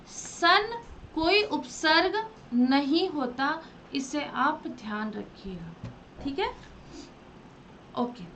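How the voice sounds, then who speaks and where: A woman teaching a grammar lesson, asking her students questions and then answering them herself in a drawn-out, teacherly way. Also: high voice, a bit bright, slight background noise. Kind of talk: classroom lesson explaining rules.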